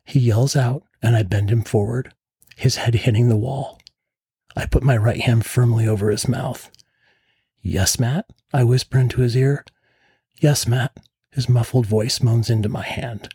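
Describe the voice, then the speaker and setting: A man reading a first-person story in a calm, low-key narration as a podcast host. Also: normal speed, husky, no echo, studio quality.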